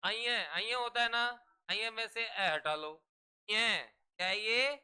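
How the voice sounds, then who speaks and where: Man, classroom teacher, very crisp and clear diction, drills with repeated questions. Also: sits high, unhurried, sharp tone. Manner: drills students with repeated questions and call-and-response. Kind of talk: classroom lecture.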